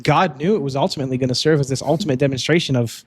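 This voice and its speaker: A man's voice: mid-range voice, very fast, husky, no echo. A young man co-hosting a faith podcast, telling his testimony in an earnest, casual way with frequent "um" and "like". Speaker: podcast co-host.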